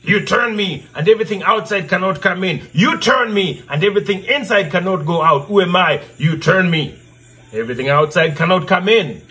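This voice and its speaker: A man, middle-aged, telling stories and posing riddles in a theatrical way, repeating his questions with drawn-out emphasis. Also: high-pitched, lively intonation, bright, forceful tone. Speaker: storyteller and channel host. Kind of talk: interactive storytelling, posing riddles to children. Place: indoor room with brick wall backdrop.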